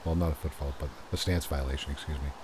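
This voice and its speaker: A man giving measured, analytical golf-style commentary on a disc golf tournament, explaining shots and holes. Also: extremely low pitch, steady tone, noisy background. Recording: music behind the voice. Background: music.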